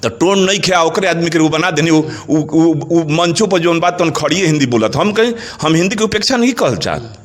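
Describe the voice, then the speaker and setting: A middle-aged man with a Bhojpuri accent speaking passionately in an interview, asking rhetorical questions and rising in pitch on his points. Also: lively intonation, brisk, hardly any pauses. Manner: emphatic, rhetorical questions, rises in pitch when stressing points.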